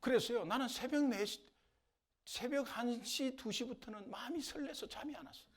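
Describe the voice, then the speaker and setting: A middle-aged man preaching a sermon as pastor, telling stories in an animated way, with dialect impressions and laughter. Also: very high-pitched, moderate pace. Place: church sanctuary.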